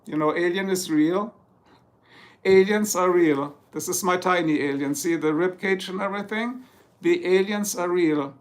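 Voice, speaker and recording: Speaking at a normal pace in a high-pitched voice, a man from Germany runs a casual livestream from home in Ohio, US. He reads comments, rambles, cracks jokes, and occasionally switches into German, all in a German accent.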